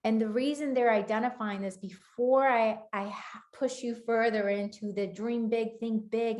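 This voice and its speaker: A woman with a Spanish accent gives a channeled spiritual talk in an earnest, flowing way, often slowing down to stress words. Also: medium pitch, darkish tone. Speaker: spiritual teacher.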